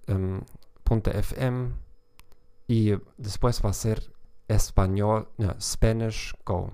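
A man hosts a language podcast in a relaxed, chatty way. His voice sits fairly low, with a gravelly, fried edge and a mellow, dark tone. He keeps checking in with little "¿no?" tags as he goes. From Germany. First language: German. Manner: chatty, frequent "¿no?" tags and restarts. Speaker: podcast host and language teacher. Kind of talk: casual solo podcast talk.

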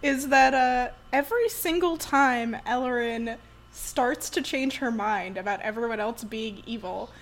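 A young woman in casual book chat, explaining her points in a measured way. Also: fairly high pitch. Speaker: book discussion participant.

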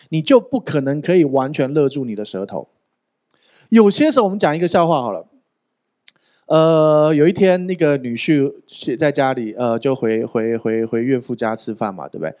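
A male pastor preaching a sermon in an animated, joking way, often asking the listeners rhetorical questions. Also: on the high side.

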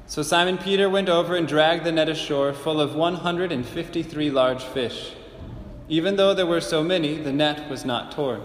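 A priest proclaiming the gospel and preaching a homily in a measured, earnest way, his voice carrying a cathedral echo. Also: fairly high pitch. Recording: echoey church with long reverb, faint hiss.

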